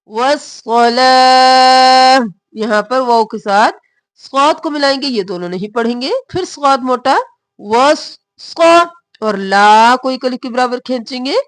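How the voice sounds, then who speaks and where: A woman teaching Quran recitation rules. She draws the recited words out slowly and explains each sound in quick, short phrases. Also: on the high side, a bit bright, no room sound. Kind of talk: slow recitation and explanation lesson.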